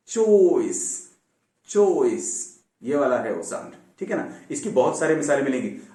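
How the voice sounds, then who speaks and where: A man giving an online English pronunciation lesson, drilling vowel sounds by repeating them slowly and dropping in Urdu religious phrases. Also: mid-range voice, a little mellow, echoey room, recorded from a distance.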